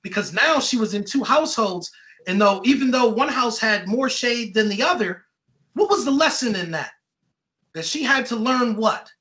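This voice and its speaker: An author leads an interactive read-aloud of their own children's book, quizzing the children in a high, bright voice. Pitch swings lively through questions and repeated answers at a moderate pace, with encouraging delivery full of little check-ins.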